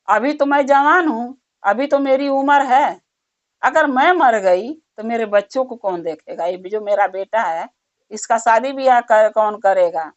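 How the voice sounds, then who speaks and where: Woman playing a lamenting, self-serving merchant's wife, high voice, dull lo-fi audio. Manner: crying, lamenting in plain village speech. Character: wailing middle-aged merchant's wife, selfish. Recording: dull lo-fi recording.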